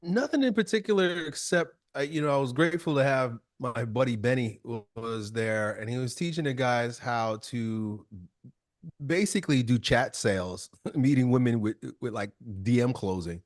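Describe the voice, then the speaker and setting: A middle-aged man talking as a podcast guest, blunt and animated, with loose, casual swearing. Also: medium pitch, normal speed, no echo, studio quality. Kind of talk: casual interview chat.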